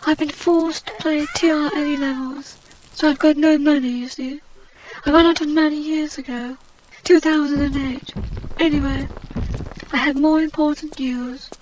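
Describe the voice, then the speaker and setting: A woman plays a pampered, high-voiced posh English adventuress, snobbish and melodramatic, who moans with grand, aggrieved indignation about every slight in a comic in-character monologue. Her natural, slightly mellow voice keeps fairly even intonation at a moderate pace, full of theatrical disdain. The audio is poor, with a faint hiss underneath.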